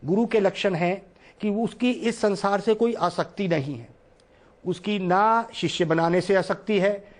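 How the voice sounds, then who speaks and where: High-voiced man giving a devotional talk. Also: a little mellow. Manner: recites verse then explains it line by line, earnest and pleading. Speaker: spiritual teacher. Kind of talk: devotional discourse explaining Sanskrit verse.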